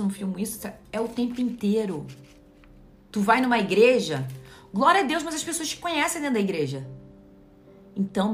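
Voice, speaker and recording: A woman's voice: lowish voice, fairly bright tone. Emphatic Brazilian woman mentor preaching online. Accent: Brazilian Portuguese. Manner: emphatic and direct, preachy, addresses the viewer as "you". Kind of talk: motivational live-stream talk to followers.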